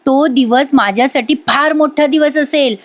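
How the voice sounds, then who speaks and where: A woman voicing an irritable young man who grumbles sarcastically, in her own high voice. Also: normal speed, lightly acted.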